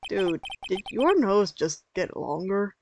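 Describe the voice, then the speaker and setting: A woman's voice: medium pitch, big pitch swings, slow, very noisy. A woman gamer giving casual, candid, joking commentary as she reads through a story game.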